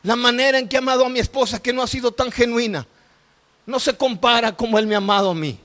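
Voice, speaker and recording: A middle-aged man, preaching a sermon testimony and moving between hushed and shouted emotional storytelling. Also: very high voice, fast talker.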